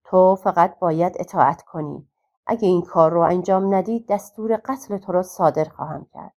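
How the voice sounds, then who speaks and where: A woman's voice: lowish voice, darkish tone, close to an everyday voice. A woman reading aloud voices a stern, imperious king who gives orders and threatens. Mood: commanding. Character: stern commanding adult male king.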